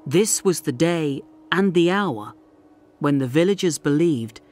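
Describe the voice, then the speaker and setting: A man narrating a story slowly and clearly for English learners. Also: on the high side, expressive, a little mellow. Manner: slow, deliberate, clearly articulated.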